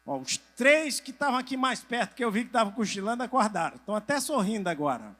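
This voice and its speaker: This middle-aged pastor talks fast, his high voice swinging widely in pitch, as he preaches to church leaders in a convention hall full of people. Questions he puts to the crowd he answers himself, occasionally getting them to raise hands or face a neighbor, and sometimes he lowers to a soft voice.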